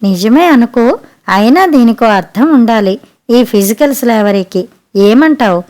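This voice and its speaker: An indignant young unmarried woman pushes back with sharp questions, her voice sitting a little high. A woman reads her out in a storybook telling. The delivery stays direct and pointed. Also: animated, measured pace. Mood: questioning. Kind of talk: storybook reading.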